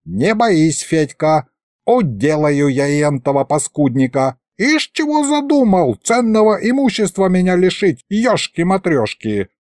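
Brief: male reader voicing a grumpy old wizard ghost, high, shrill, scolding, audiobook. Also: sing-song, measured pace, darkish tone, no room sound, studio quality. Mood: boastful. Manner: shrieking, scolding, folksy.

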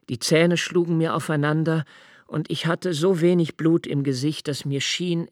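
For a literary radio play, a middle-aged man delivers soft, deliberate, inward-looking narration in the first person. His voice is slightly high, recorded in a studio with no room sound.

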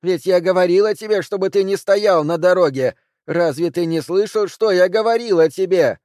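A man voicing an enraged red-haired woman with a shotgun, yelling furious threats in an audiobook. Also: a little high, unhurried, no room sound, clean studio sound, voice pushed up, natural voice.

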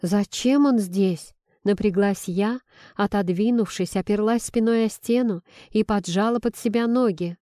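A woman reading a first-person novel aloud in a steady, even storytelling manner. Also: medium pitch, moderate pace, no echo, clean studio sound. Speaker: audiobook narrator. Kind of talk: scripted first-person narration.

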